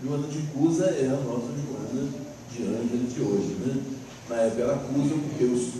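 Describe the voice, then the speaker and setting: A man's voice: mid-range voice, moderate pace, dark tone, slight background noise. A middle-aged man with a Brazilian Portuguese accent gives a spiritist lecture in a folksy way, often ending with tag questions. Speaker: spiritist speaker. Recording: roomy, distant hall recording.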